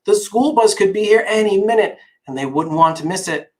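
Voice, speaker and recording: A man voicing a cheerful little girl who yells to wake everyone up, stretching out her high, loud call. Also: animated, moderate pace, distant mic. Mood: fretting.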